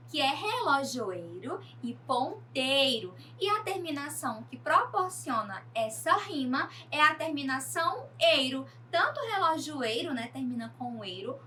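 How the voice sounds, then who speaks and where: A woman teacher from Brazil giving a recorded online lesson, speaking slowly and with emphasis, addressing her pupils directly. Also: high voice, bright, forceful tone, far from the mic, a little hiss or hum.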